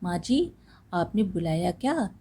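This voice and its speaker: A woman's voice: on the low side, sing-song, a little slow, mellow, husky, exaggerated voice. A woman voicing a scheming, jealous elder sister-in-law who speaks in a sneering, taunting way.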